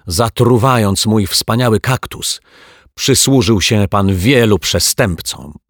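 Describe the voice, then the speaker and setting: A man voicing an excitable male detective in a children's story, shouting in indignation. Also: fairly low pitch, slow pace, no echo, clean studio sound, pitched above the performer's own voice. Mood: indignant. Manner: shouting, agitated.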